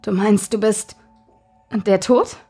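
A frightened, stammering ghost of a man, voiced by a woman storyteller. He stutters through his questions in a nervous, shaky way, and soft music plays faintly underneath. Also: medium pitch, fairly even intonation, slow, breathy edge, heavily acted. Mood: stunned. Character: frightened male ghost, man who died young.

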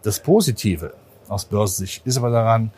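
A man appears as a market analyst guest in an interview on a stock exchange trading floor. His voice is on the low side with a breathy edge and a moderate pace, and he speaks in an animated, emphatic way with many fillers.

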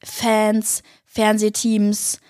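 A young woman, a singer and vlogger, excitedly telling her viewers a story, gushing and breathless, mixing English slang into her German. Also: mid-range voice, extremely slow, no room sound, studio quality.

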